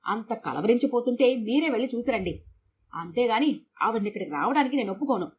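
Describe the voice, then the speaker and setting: A woman voicing a sharp-tongued middle-aged housewife who scolds curtly. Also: on the high side, lively intonation, quick pace, slight background noise, lightly acted. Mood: scolding. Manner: scolding, curt.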